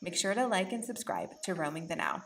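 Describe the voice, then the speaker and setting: Lady doing the podcast intro, promo vibe, lowish voice. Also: wildly swooping pitch, a little fast, gravelly, a little hiss or hum. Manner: bright, promotional delivery. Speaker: podcast host. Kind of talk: scripted show intro.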